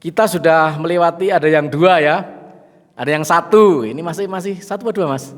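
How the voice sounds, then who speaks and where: Javanese accent preacher guy, middle-aged, kinda high voice, chatty lively sermon, big echoey hall. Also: fairly quick. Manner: lively, mixes in Javanese phrases and jokes with the audience. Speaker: Islamic preacher. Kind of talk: sermon to a live gathering. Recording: long hall reverb.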